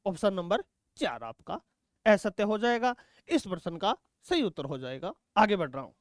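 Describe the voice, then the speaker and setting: A man's voice: high-pitched, sing-song, normal speed, dry recording, studio quality. A male teacher taking students through exam quiz questions, asking questions and answering them himself and calling students "beta". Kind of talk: exam-prep quiz lesson.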